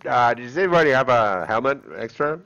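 A man's voice: mid-range voice, expressive, fairly quick, sharp tone, lo-fi sound. A man in a squad game, joking and drawling mock military radio talk and police lines. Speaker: gamer in a squad.

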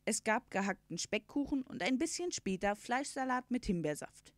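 A woman reading a children's storybook aloud in clear, even narration. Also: fairly high pitch, normal speed, no echo. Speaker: audiobook reader.

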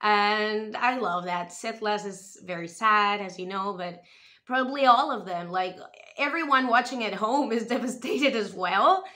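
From a small indoor room at home, a young vlogger born in Spain and brought up in the US chats casually to a nearby camera or webcam about a TV show. She has a medium pitch and measured pace, and she's expressive and animated, gesturing as she goes.

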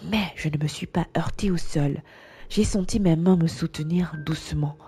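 Mellow woman telling a story. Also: mid-range voice, slightly rough. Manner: earnest, testimonial storytelling. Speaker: narrator. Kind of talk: scripted first-person story narration. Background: faint background music.

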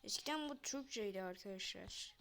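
A woman's voice: medium pitch, animated, moderate pace, creaky, music in the background. A young woman chatting casually to viewers while she plays a game, muttering to herself between lines. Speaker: gamer vlogger. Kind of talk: casual gameplay commentary.

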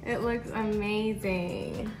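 A woman hosting a casual home cooking vlog, chatty and excited, tasting and explaining as she goes. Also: mid-range voice. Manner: excited, chatty, lots of mm sounds. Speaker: cooking channel host. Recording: roomy room with background music.

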